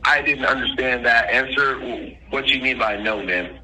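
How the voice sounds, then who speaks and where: Speaking at a normal speed in a mid-range, pushed and bright voice, a man impersonates an official over the phone. He is formal and insistent, uses legal phrasing, and says ma'am to the listener, with faint noise on the line.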